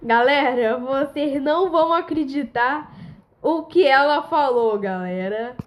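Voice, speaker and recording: Slow, high-voiced Brazilian woman gamer. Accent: Brazilian Portuguese. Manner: chatty, keeps calling on her audience. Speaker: mobile game player. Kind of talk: casual gameplay commentary.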